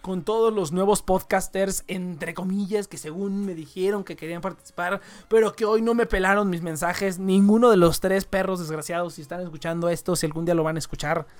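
A man's voice: high-pitched, steady tone, fairly quick, hardly any pauses. Man, podcast host, casual chat, swears freely, jokey slang. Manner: profane, joking slangy banter.

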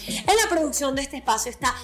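Husky-voiced Caribbean Venezuelan woman, playful podcast host. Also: high voice, expressive, quick pace, over loud music. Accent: Caribbean Venezuelan Spanish. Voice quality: slightly husky. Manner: playful, irreverent, teasing. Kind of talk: casual, playful podcast chat.

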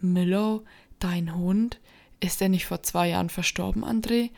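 A woman voicing an eager, excitable young woman in a horror story reading. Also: lowish voice, normal speed, creaky. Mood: fearful. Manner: eager, indignant.

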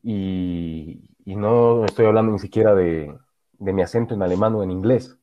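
A man's voice: low-pitched, moderate pace. A man from Bolivia chatting as a podcast co-host, earnest and reflective, often restarting his sentences. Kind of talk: casual chat. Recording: dull lo-fi sound.

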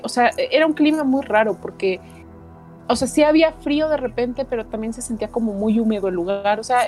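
A woman's voice: a little high, darkish tone, poor audio. A woman, chatting casually on a podcast and telling a dream at length with many fillers. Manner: rambling, many fillers like "o sea". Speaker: podcast co-host.

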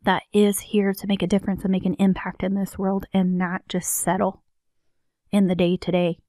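A woman speaks in an earnest motivational tone with a mid-range voice. She often slows down and drops to a soft, near-whispered hush. The recording is dry and close, with no room sound. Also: medium pitch, completely flat delivery, dry recording. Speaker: wellness speaker. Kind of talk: motivational talk.

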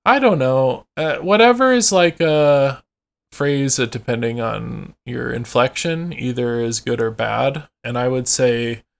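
Man, podcast host, casual chat, gravelly fry in the voice, medium pitch, loose and filler-heavy. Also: slow. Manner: reads out phrases, then explains them with many fillers.

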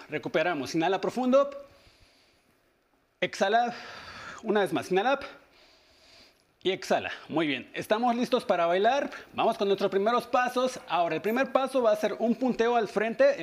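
A man with a Mexican Spanish accent leading a dance workout class, counting the beats aloud and cheering his viewers on. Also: high voice. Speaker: aerobics instructor. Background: workout music.

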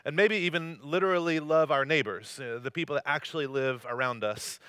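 A campus pastor from North Carolina, likely in his thirties, preaches a loose, conversational sermon at a church service, full of jokes and self-deprecating stories. His fairly high, bright voice is clear and resonant, moves a little fast, and has no echo.

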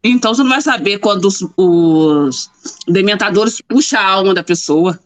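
A woman talks in an easy, casual way as a commentator on a live stream, leaning hard on her words and repeating them for effect. Her voice sits in a middle pitch. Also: animated, moderate pace. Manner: emphatic, repeats herself for effect. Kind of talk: casual chat.

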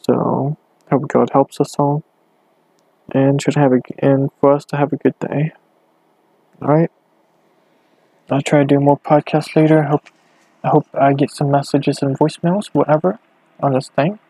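A young man rambling hesitantly on his own podcast, talking low in his bedroom with a hand cupped over the mic. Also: level tone, unhurried, creaky, long pauses, mellow, breathy edge, no room sound. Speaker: podcast host. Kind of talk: casual solo podcast. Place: bedroom at home.

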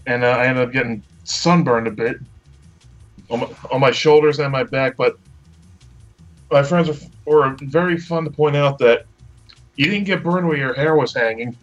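A man's voice: mid-range voice, normal speed, long pauses, lo-fi sound, faint music behind. Man with a hollow tunnel-like sound. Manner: laid-back, rambling storytelling. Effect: hollow, tunnel-like sound like a speakerphone. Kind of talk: casual chat. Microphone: headset.

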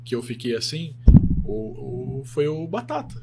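A man's voice: a little high, sing-song, measured pace, creaky, very noisy. A man, hosting casual podcast chat and agreeably repeating his guest's words back. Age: 40s.

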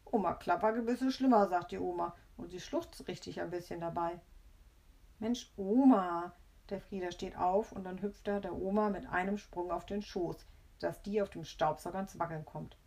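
A woman reading a children's story aloud in a lively, expressive way. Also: on the low side, normal speed, creaky.

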